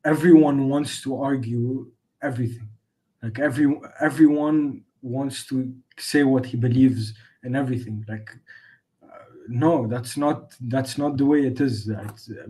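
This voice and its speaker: Halting young man with a mellow voice. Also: mid-range voice, poor audio. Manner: hesitant, halting, many uh's and restarts. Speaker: panelist. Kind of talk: casual group discussion.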